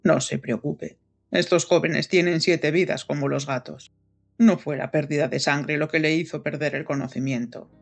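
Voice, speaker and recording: A woman voicing a calm, steady police superintendent. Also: low voice, normal speed, gravelly, soft background music. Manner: steady and soothing.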